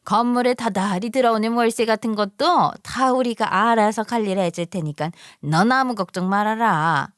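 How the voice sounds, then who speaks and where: A woman's voice: mid-range voice, normal speed, few pauses, clean tone, dry recording, studio quality, close to an everyday voice. A woman voicing a scheming, contemptuous middle-aged mother-in-law in a story radio drama, scolding and belittling. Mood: condescending. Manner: scolding, belittling, sneering sighs.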